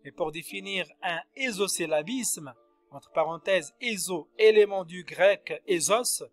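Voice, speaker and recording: Guy teaching a poetry lesson, talks slow and deliberate, spells out each letter, faint music behind. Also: sits high. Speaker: French literature teacher. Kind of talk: slow spoken lecture on verse.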